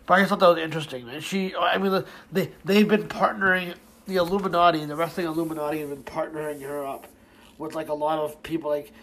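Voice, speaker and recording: A man's voice: on the high side, fairly even intonation, fast talker, fairly bright tone, low-quality recording. A young man ranting casually about wrestling fans and gossip, profane and rambling, full of restarts, fillers and sarcastic jabs. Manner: heated, sarcastic. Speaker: online commentator.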